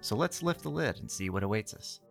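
A man's voice: fairly low pitch, animated, a little fast, creaky, over music. A man hosting and narrating an audio story collection in a theatrical storyteller manner. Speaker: host and narrator.

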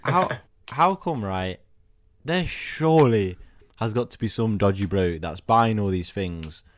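A man's voice: lowish voice, expressive, unhurried, no echo, studio quality. A young man co-hosting a casual podcast chat, rambling and joking as he tells stories into a handheld mic. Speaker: podcast co-host.

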